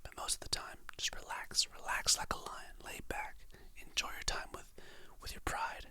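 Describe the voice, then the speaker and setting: In a gentle, unhurried whisper meant to soothe, this content creator shares affirmations and motivational lines ASMR-style. Each quote is followed by the name of the person who said it.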